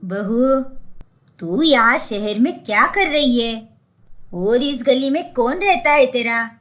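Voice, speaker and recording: A woman voicing a kindly, curious older village mother-in-law in a cartoon story, speaking in a slow, motherly tone. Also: fairly high pitch, expressive, fairly bright tone.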